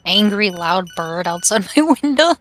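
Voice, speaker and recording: A woman's voice: medium pitch, expressive, slight background noise. A woman casually chatting and joking with a co-player while playing through a game on stream. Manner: chatty, quick to laugh. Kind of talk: casual chat during a game.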